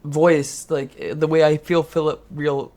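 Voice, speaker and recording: A man co-hosting a casual podcast chat, telling stories in an animated, jokey way. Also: fairly high pitch, unhurried. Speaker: podcast co-host.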